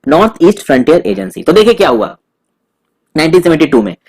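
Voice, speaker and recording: A young male tutor with a fairly high voice gives a relaxed exam-prep lecture. He talks to viewers as friends and mixes in English terms as he walks them through a map. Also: fast talker.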